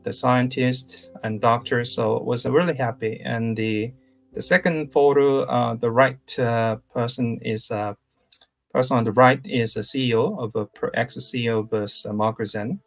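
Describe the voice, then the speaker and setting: A man in his thirties from South Korea, speaking English with a Korean accent as a career coach giving a live-streamed lecture, halting with many fillers and restarts. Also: medium pitch, steady tone, creaky, faint music behind.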